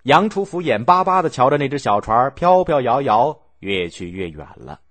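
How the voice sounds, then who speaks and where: A man telling a history story in a lively, expressive way, acting out the scenes. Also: mid-range voice, moderate pace, no room sound.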